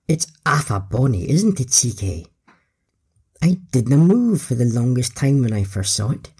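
A man's voice: mid-range voice, sing-song, normal speed, a little mellow, slightly rough. A man voicing a huge, polite young male Bigfoot who speaks formally, with a Scottish accent and Doric phrases. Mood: awed.

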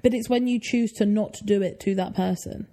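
A woman's voice: medium pitch, steady tone, moderate pace, warm tone. A woman in her twenties co-hosting a podcast, chatting casually and often agreeing with "for sure.". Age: 20s. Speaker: podcast co-host. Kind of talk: casual chat.

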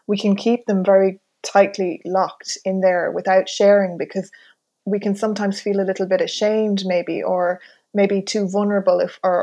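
A woman from County Mayo with a west of Ireland accent, co-hosting a podcast in a reflective, halting, casual way. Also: mid-range voice, mellow. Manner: thoughtful, halting, repeats words as she searches. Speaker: podcast co-host.

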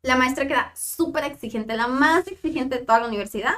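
A woman's voice: high voice, fast talker, a bit bright. A young Mexican woman, a psychologist, telling a personal story in a casual interview and acting out remembered dialogue with animation. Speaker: psychologist guest.

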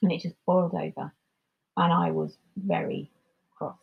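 A woman co-hosting a podcast in casual chat, talking in an animated way and acting out quotes in mock voices. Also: lowish voice, normal speed, vocal fry, breathy edge, muffled recording. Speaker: podcast co-host.

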